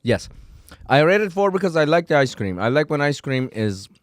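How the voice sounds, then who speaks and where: A man's voice: on the high side, very animated, a little fast, no echo. A man co-hosting a casual podcast, playful and full of questions, on a close studio mic. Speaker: podcast co-host.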